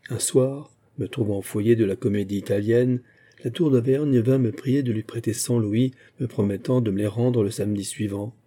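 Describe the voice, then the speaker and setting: A man reads a classic memoir aloud in the first person. His delivery is measured and even. His voice is very dark, mellow and husky. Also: mid-range voice. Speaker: audiobook narrator. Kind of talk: literary audiobook reading, first-person memoir.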